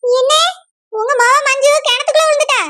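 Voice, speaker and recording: A woman plays a village neighbor with a Kanyakumari accent, coaxing others along in a hurry. Her voice is very high and bright. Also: steady tone, brisk. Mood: urgent. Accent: Kanyakumari Tamil. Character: urgent village neighbor woman bringing news.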